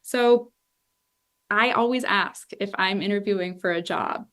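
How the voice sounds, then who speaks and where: A political journalist in her twenties from Northeast Ohio answers questions in a public talk in a lecture room, speaking candidly and animatedly with many asides like "you know." Her medium-pitched voice is fairly bright and a little slow.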